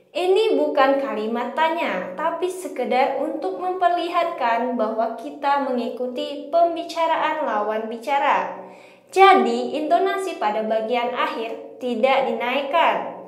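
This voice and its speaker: A woman teaching a recorded language lesson, reading example sentences aloud and then translating each one. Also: high voice. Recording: echoey room.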